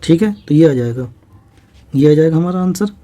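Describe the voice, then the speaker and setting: This maths exam-prep teacher has a somewhat high, dark-toned voice and an animated delivery. He walks through the problem step by step at a slow pace, going over steps again and asking questions only to answer them himself.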